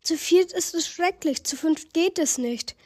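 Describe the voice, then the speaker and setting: A woman's voice: extremely high pitch, a little slow, pitched above the performer's own voice. A woman voicing a frantic old grandmother who cries out in rhyme. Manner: loud rhyming outbursts. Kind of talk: rhyming story reading.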